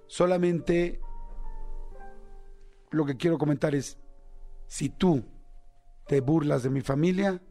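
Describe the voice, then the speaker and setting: A man's voice: a little high, takes it slowly, pauses often, soft background music. Man telling a radio story. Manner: jokey, animated, mimics voices in quotes. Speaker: radio host. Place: radio studio.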